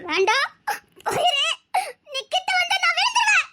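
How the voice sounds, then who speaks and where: A woman's voice: extremely high pitch, a little fast, bright, forceful tone, slight background noise. A woman voicing a heartbroken young woman in a drama, speaking with a Tirunelveli Tamil accent in a tearful, pleading way. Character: heartbroken young woman set on ending her life.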